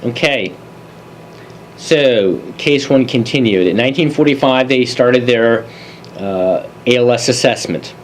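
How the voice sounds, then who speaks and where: A man presenting a continuing education review of emergency calls, relaxed and conversational with dry asides. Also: mid-range voice, unhurried, slight background noise, low-quality recording. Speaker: EMS medical advisory presenter. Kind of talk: case review lecture.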